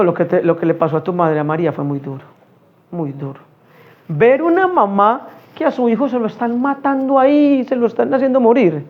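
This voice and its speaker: High-voiced preacher, conversational sermon. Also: male voice, lo-fi sound. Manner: conversational, asks the congregation questions.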